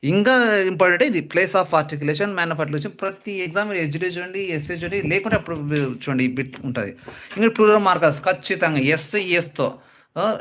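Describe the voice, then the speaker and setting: A man's voice: fairly high pitch, a bit bright. A man teaching English phonetics for exams, patiently repeating sounds and example words and mixing English terms into his talk. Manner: mixes English terms into Telugu speech. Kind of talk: exam-prep lesson with slides.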